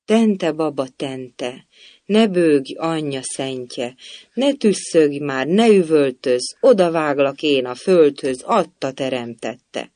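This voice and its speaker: A man's voice: a little high, animated, a little mellow, dry recording, lightly acted. A man voicing a bad-tempered noble duchess who barks and scolds rudely. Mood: rough lullaby. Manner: rude, barking, scornful.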